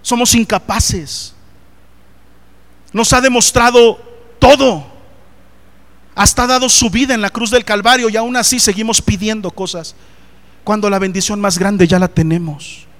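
A man preaching a sermon, animated and often putting questions straight to the congregation. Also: sits high, normal speed.

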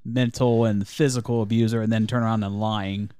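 A man co-hosting a casual podcast, quick to laugh and animated. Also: lowish voice, clean tone, dry recording, studio quality. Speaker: podcast co-host. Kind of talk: casual chat.

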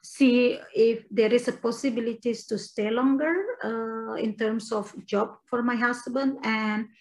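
A woman from Indonesia talks as a guest on a casual podcast. Her voice sits a little high and carries a gravelly fry. She speaks unhurriedly, laughs often and restarts her sentences. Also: little pitch movement, measured pace, rough recording. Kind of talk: casual interview chat.

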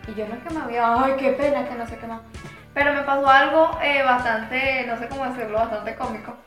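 Mujer franca de voz aguda. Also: female voice, a little high, fairly even intonation, fairly quick, reverberant, faint music behind. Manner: frank, storytelling, trailing off quietly. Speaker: podcast guest. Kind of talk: casual chat.

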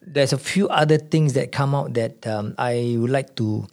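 Singlish-speaking male host, medium pitch. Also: normal speed, a little mellow. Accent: Singaporean, Singlish. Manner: colloquial, emphatic check-words like okay, eh and right. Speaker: podcast host. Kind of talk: casual interview, mixing English and Malay.

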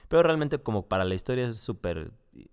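A man's voice: medium pitch, sing-song, a little fast, darkish tone, clean tone. A man with a Mexican accent giving a casual, profane, rambling spoken review full of slang and restarts. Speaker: video reviewer.

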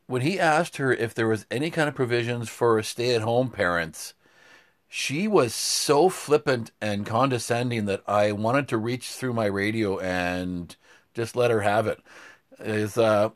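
A middle-aged man, co-hosting a casual political talk show and telling his stories with animated indignation. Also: mid-range voice, unhurried.

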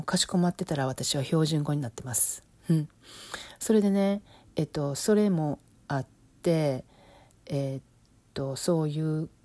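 A middle-aged woman with an Osaka accent, speaking reflectively in a casual monologue, with lots of fillers and soft laughs. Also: sits low, no echo. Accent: Osaka Kansai Japanese. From Osaka, Japan. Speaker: business coach, podcast host.

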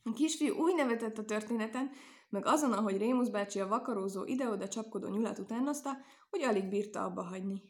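A woman reading a children's story aloud in a lively, expressive way. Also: mid-range voice.

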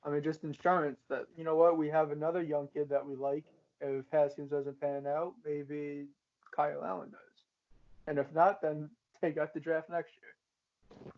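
A man's voice: fairly high pitch, flat delivery, normal speed. A man co-hosting a sports podcast, chatting casually. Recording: muffled lo-fi audio.

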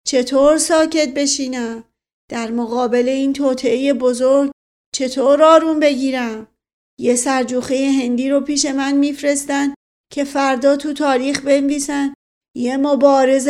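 A woman's voice: on the high side, level tone, close to an everyday voice. A woman voicing a pompous, paranoid older uncle who rants with indignation in a storybook reading. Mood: ranting. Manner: indignant shouting.

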